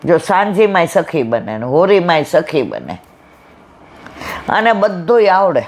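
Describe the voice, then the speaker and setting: A woman's voice: on the low side, sing-song, measured pace, a little hiss or hum. Older woman giving a devotional talk. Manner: storytelling, acting out family anecdotes. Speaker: devotional speaker. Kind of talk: devotional satsang discourse.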